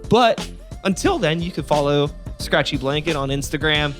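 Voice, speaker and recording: Male podcast host, playful and upbeat; slightly high voice over faint music. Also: expressive, normal speed. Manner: upbeat, playful sign-off banter. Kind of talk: casual chat.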